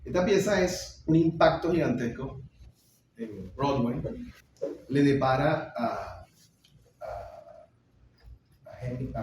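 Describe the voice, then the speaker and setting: A middle-aged man giving a public lecture on theater, expressive, with frequent restarts. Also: medium pitch. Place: lecture hall. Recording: echoey hall, mic far off, faint noise.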